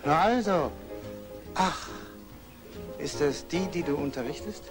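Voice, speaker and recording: In the style of old German film acting, an actor plays a charming painter softly and persuasively wooing a young woman. His pitch is fairly high, he speaks slowly, and music plays underneath.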